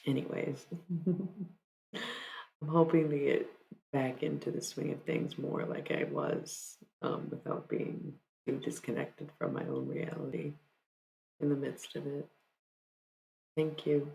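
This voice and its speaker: Thirties woman streamer, casual rambling chat to viewers, slight vocal fry. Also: deep voice, steady tone, slow, long pauses, darkish tone, rough recording. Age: 30s. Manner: rambling and chatty, full of "like" and "bro".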